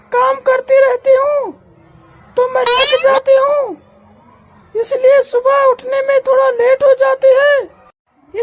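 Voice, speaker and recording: A woman's voice: extremely high pitch, a little hiss or hum. Woman doing a whiny cheeky daughter-in-law. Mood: whining. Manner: whining, backtalking. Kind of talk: cartoon comedy voice acting.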